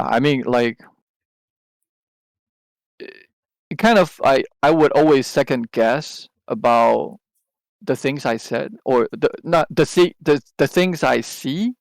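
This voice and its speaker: A gravelly-voiced man from Taiwan co-hosts a podcast, chatting casually in a mid-range voice. He takes it slowly and pauses often, rambling with many restarts and hesitant fillers, on a dry recording.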